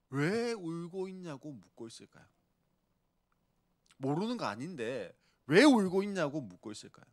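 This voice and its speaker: Guy preaching a sermon, voice jumps all over, goes from loud to whispery, does little voices for quotes. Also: fairly high pitch. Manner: dramatic swings between loud emphasis and hushed whispers; acts out quoted speech of characters. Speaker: pastor.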